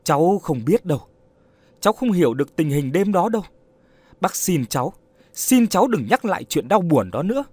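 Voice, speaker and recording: Storybook role: male narrator plays a broken old man, choked with sorrow, lively pitch. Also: moderate pace, no echo. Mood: anguished pleading. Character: grieving guilt-ridden old man.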